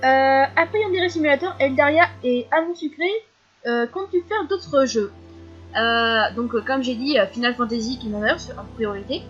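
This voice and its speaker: A fifteen-year-old girl answering viewer questions in a casual vlog, talking fast with many fillers and frequent giggles. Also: sits high, highs cut off, soft background music. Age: teens.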